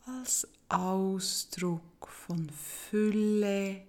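Very slow, soft-spoken woman guiding meditation. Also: mid-range voice, steady tone. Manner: soft, gentle, breathy delivery with long pauses. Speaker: meditation guide. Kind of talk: guided meditation narration.

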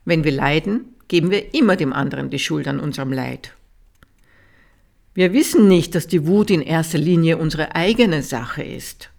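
A calm, steady reading voice delivers a Buddhist teaching text at a measured pace. It drops softer and slower on the important sentences and keeps an even, unhurried audiobook delivery. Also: mid-range voice, gravelly. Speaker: reader.

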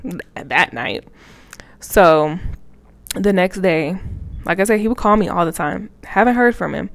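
A woman's voice: on the low side, a little slow, gravelly, no room sound. A woman in her twenties telling a personal story to camera in a blunt, profane, laughing way. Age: 20s. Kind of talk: casual storytime vlog.

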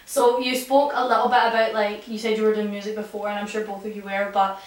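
Woman interviewer, mid-pitched, casual and conversational, heard slightly off-mic with clear room echo. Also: level tone, fast talker. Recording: echoey room, distant mic.

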